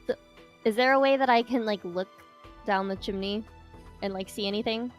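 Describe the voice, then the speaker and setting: A woman's voice: fairly high pitch, normal speed. A woman chatting casually as a player in a tabletop role-playing game. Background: faint music.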